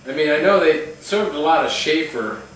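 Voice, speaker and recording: A man's voice: a little high, expressive, normal speed, a bit bright. A man chatting casually as co-host of a cooking show, bantering like a buddy in a laid-back way. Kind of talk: casual chat. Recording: roomy, distant mic with background noise.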